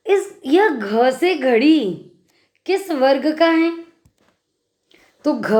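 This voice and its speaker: A woman teaching a grammar lesson, patient and explanatory, often asking the listener whether they have understood. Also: high-pitched. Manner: patient, checks understanding with rhetorical questions. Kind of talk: video lesson.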